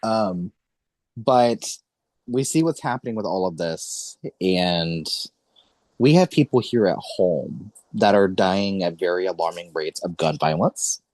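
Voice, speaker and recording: Low and animated, this slightly mellow male voice moves at a measured pace on a dry recording. He's a podcast host in his late twenties, chatting casually in an earnest, rambling style full of self-corrections.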